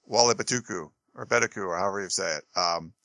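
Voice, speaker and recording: A man's voice: low voice, quick pace, vocal fry, fairly bright tone, no echo. A man co-hosting a sports talk show, chatting casually and rambling with lots of fillers and restarts.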